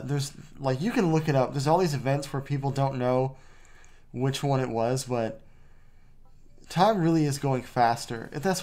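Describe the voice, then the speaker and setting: A man's voice: mid-range voice, darkish tone. A man recorded too close to the mic, hosting a casual vlog voice-over in a rambling, jokey way. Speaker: vlog host.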